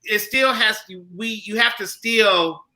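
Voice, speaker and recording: Bright high-voiced male host. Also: unhurried. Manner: animated, thinks aloud with restarts. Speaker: show host. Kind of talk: casual panel talk.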